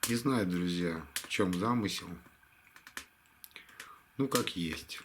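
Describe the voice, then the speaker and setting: A tired man talking casually to camera in a halting, resigned way, like a hunting vlogger winding down his day. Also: low-pitched, expressive, background noise. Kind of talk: casual vlog monologue to camera.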